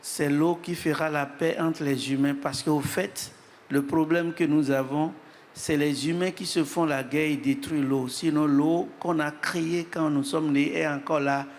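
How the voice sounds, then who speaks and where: A man speaking as a panelist in measured, solemn remarks, pausing for his interpreter. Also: fairly high pitch, steady tone. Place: large hall at an event. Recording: reverberant hall, faint noise.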